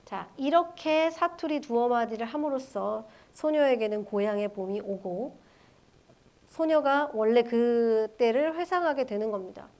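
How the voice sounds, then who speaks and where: A woman's voice: a little high, animated, measured pace, a little mellow. A woman giving an online university literature lecture, explaining a poem line by line with rhetorical questions. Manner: reads quoted verse lines aloud.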